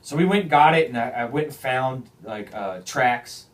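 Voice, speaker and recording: A man hosting a podcast, telling a hunting story in a casual, animated way, swearing often and restarting his phrases. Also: mid-range voice, moderate pace, recorded from a distance. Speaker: podcast host.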